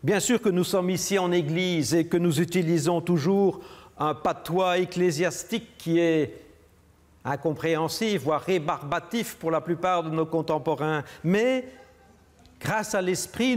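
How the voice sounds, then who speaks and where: Measured man preaching in a reverberant church. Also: on the high side. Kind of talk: sermon.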